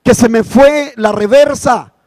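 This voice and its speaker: A preacher putting on a high, pleading tearful wife. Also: female voice, measured pace, darkish tone, no room sound, studio quality, lightly acted. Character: tearful wife confessing to her husband.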